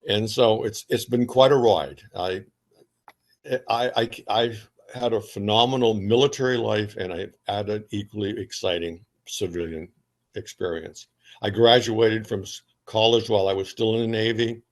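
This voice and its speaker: A man's voice: fairly low pitch, moderate pace. An older man, a veteran remembering his life in a conversational, rambling, anecdotal way with repeated starts. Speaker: interviewee, retired Navy veteran.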